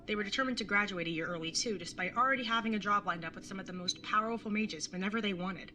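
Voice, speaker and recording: Playing a jaded young artist bartender in a first-person audio drama, a woman narrates and delivers dialogue as a wry, sardonic older sibling who swears casually. Her medium-pitched voice is fast, bright, and forceful, lightly acted, with slight background noise.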